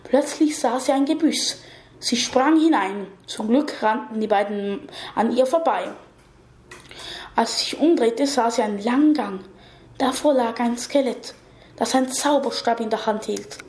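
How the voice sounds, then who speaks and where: Woman storyteller, higher voice, reads aloud with small self-corrections, roomy echo. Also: measured pace, darkish tone. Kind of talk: reading a fantasy story aloud. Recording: echoey room.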